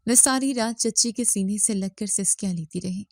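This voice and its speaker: A woman narrating a dramatic moral story in a steady, scripted way. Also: medium pitch, no room sound, clean studio sound.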